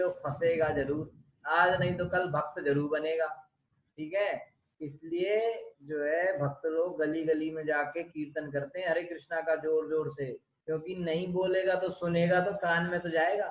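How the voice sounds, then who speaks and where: A man giving a lively devotional scripture talk, often asking his listeners rhetorical questions. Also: a little high, slight background noise. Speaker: spiritual lecturer. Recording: echoey dull room recording.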